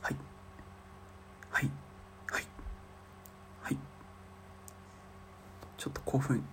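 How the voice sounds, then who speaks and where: A young man in his twenties doing a comic solo podcast, deadpan and self-mocking, murmuring his inner thoughts. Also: takes it slowly, very noisy. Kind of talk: comic monologue.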